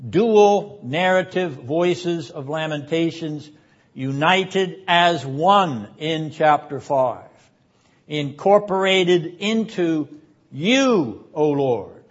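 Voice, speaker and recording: A seminary dean and Bible teacher delivers a prayerful, rhetorical sermon lecture, solemn and incantatory, repeating phrases and pausing deliberately. His voice is a little high, and the audio sounds dull.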